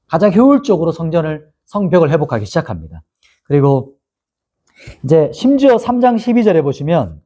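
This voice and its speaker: Lively-pitched male pastor teaching scripture. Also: husky. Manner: asks the audience questions and answers them, acts out quoted mockery. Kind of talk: Bible teaching lecture.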